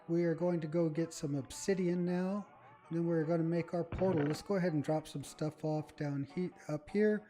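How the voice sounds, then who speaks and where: This gaming channel host rambles through casual let's-play commentary, chatting to his viewers while he plays. His voice is on the high side with a dark tone, and faint music plays in the background.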